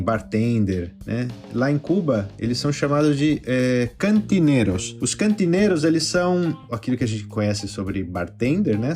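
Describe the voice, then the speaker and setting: A man co-hosting a casual podcast about cocktails, explaining things in a relaxed, chatty way. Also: medium pitch. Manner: relaxed, explanatory, many fillers. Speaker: podcast co-host, bartender.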